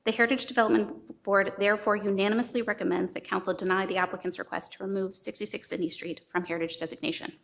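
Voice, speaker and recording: A woman's voice: mid-range voice, flat delivery, gravelly. A woman presenting a heritage board recommendation, reading a formal prepared statement. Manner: brisk, formal.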